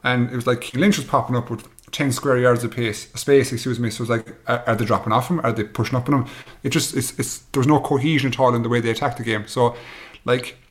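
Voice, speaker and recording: A man's voice: mid-range voice, fairly even intonation, fast talker. A man from Galway with a west of Ireland accent, giving casual sports analysis as a pundit.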